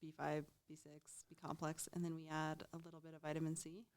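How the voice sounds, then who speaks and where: Woman, very low pitch, flat intonation, casual clinic staffer explanation, dry sound. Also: a little fast, dry recording. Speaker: guest, IV room manager at a clinic.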